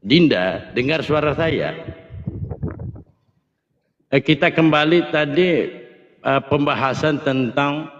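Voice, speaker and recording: A man on a choppy call-in line that keeps cutting out, his voice dull and muffled and set in a long, roomy echo. He talks slowly, with a faint hiss under the line, and keeps throwing in short checks and quick replies. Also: fairly high pitch. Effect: choppy online call with the voice breaking up. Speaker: call-in guest. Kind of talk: casual call-in debate.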